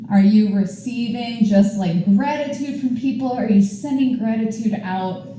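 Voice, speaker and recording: A woman's voice: a little high, unhurried, dark tone, very echoey, a little hiss or hum, poor audio. A woman teaching a yoga class, guiding poses with upbeat, chatty encouragement. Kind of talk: guided yoga class instruction. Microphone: camera mic at a distance.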